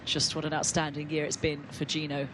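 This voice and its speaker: A man's voice: on the high side, monotone, brisk. A man doing live play-by-play as a golf commentator on a tournament broadcast. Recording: clear outdoor background noise.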